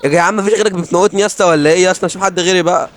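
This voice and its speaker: Fast-talking Egyptian gamer guy. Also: high-pitched, a little hiss or hum. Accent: Egyptian Arabic. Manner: rapid, excitable, repeats himself, frustrated outbursts. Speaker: gaming channel host. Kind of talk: live gameplay commentary. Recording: music over gameplay.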